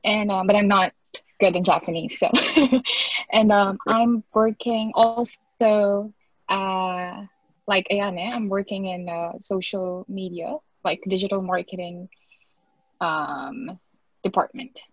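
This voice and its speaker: A woman's voice: mid-range voice, fairly even intonation, slow pace, no echo. A woman from the Philippines introducing herself hesitantly on a casual online panel. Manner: hesitant, with many fillers. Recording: dry, dull call audio, distant from mic.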